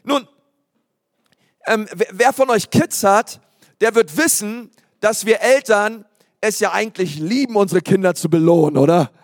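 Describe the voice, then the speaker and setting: A young man delivers a sermon with a very high voice, full of energy, calling to the congregation and repeating his phrases. The sound is dry and close, with no room echo. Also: a little slow. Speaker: pastor.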